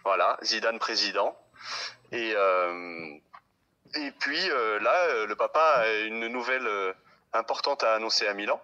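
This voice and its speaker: A man's voice: on the low side, measured pace, pushed and bright. A man explaining a scene informally, conversational and a little hesitant. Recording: dull lo-fi radio-like sound.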